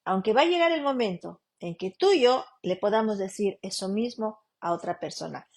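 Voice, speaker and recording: A woman's voice: medium pitch, lively intonation, normal speed, darkish tone. A woman preaching a radio sermon, earnestly asking her listeners direct questions and calling them beloved sister. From broadcasting from Canada. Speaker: lawyer and radio program preacher.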